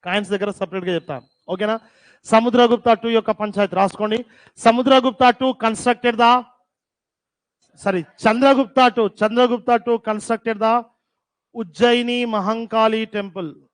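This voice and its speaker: A high-voiced male teacher dictates notes to his class in a slow, deliberate way. He repeats each term several times and scolds the students with a teasing edge. The recording is dry and close. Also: fairly even intonation, no room sound.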